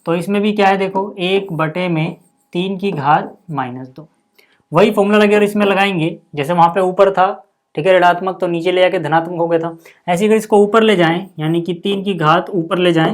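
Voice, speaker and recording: A man teaching a school maths lesson, patient and step by step, checking in often with the class. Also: sits high.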